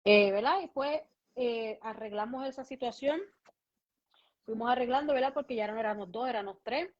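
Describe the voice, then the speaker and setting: A woman pastor tells her story as a guest, voicing each person in her conversations with lively back-and-forth. Her voice sits fairly high. The recording sounds dull and lo-fi. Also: moderate pace. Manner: lively storytelling, acting out both sides of conversations. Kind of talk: testimony in an interview.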